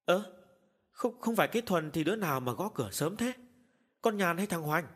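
A man putting on a shrill, nagging old wife. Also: expressive, husky, exaggerated voice. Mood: puzzled. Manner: high, loud and brisk, nagging. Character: older village wife, kind but scolding. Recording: long hall reverb.

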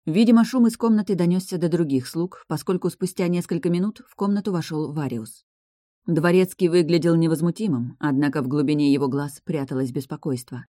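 Storybook narrator, warm dark tone, dry close recording, first-person novel reading. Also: mid-range voice, fairly quick, dry recording. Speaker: audiobook narrator.

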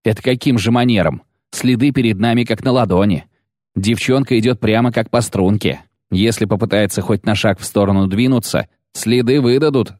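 A man reading aloud, voicing a hot-tempered, impatient male sorcerer in a sharp, snapping manner. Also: lowish voice, normal speed, dry recording, studio quality, pitched above the performer's own voice, lightly acted. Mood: scornful. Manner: snapping, scornful.

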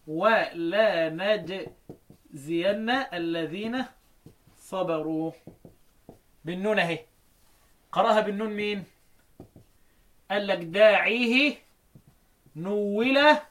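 This man, whose voice is high and a bit bright, speaks with an Egyptian Arabic accent. He teaches a lesson on recitation readings, posing questions and answering them himself while chanting verses slowly.

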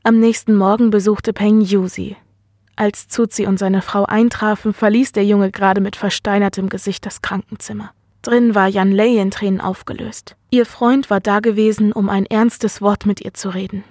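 Steady woman reading a story. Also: medium pitch, normal speed, dry recording, studio quality. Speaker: reader.

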